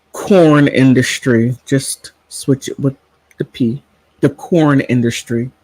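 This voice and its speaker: A man's voice: mid-range voice, a little mellow, no room sound, poor audio. A middle-aged man chatting in a casual vlog, sassy and digressive, wandering off topic and back. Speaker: vlogger.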